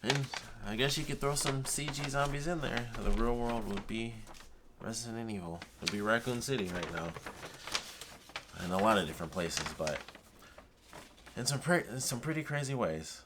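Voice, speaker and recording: A man who sounds high, rambling casually in a dazed, drifting stoner manner as he vlogs and trails off. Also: moderate pace, background noise. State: high, intoxicated. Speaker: vlogger. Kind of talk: rambling casual unboxing vlog.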